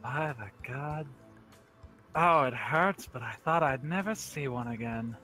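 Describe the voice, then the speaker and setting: A man playing a tabletop game, speaking slowly and expressively with dry humor, often in character. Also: mid-range voice, animated, pushed and bright, faint music behind. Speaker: player. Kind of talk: in-character tabletop role-play.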